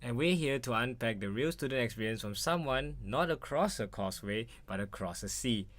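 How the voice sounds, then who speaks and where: A man's voice: mid-range voice, lively intonation, brisk, fairly bright tone. A young man co-hosting a student radio show, asking questions in a friendly way with plenty of fillers. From Malaysia. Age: young adult. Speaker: radio co-host. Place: campus radio studio.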